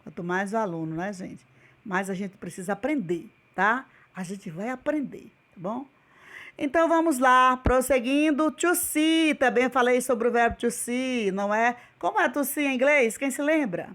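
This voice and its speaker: A slightly high, somewhat bright voice at normal speed belongs to a woman teaching English remotely over video, with a Brazilian Portuguese accent. She repeats each word patiently and fires questions at her class.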